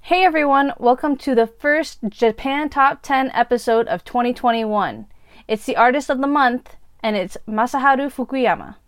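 A woman's voice: sits high, lively intonation, normal speed, no echo. A woman presenting a scripted top ten music countdown as the show's host. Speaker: podcast host.

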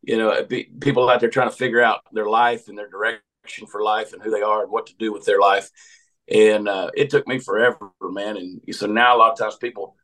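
A man's voice: on the low side, little pitch movement, brisk, a bit bright, poor audio. A man of fifty with a Southern American accent, a comedian telling folksy, joking stories in a rambling casual chat. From Georgia, USA. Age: 50s. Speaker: comedian and podcast host.

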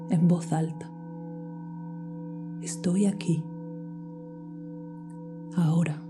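Slow gentle woman doing a guided meditation, lots of whispering, music with singing bowls underneath. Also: on the low side. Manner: soft, slow, often whispered. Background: soft music with singing bowls.

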